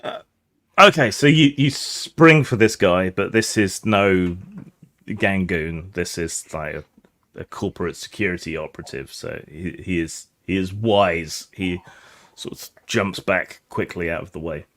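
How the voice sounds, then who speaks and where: A tired man narrates a tabletop game as game master. He uses dry, understated humor, and his voice sits low. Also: measured pace, a bit bright.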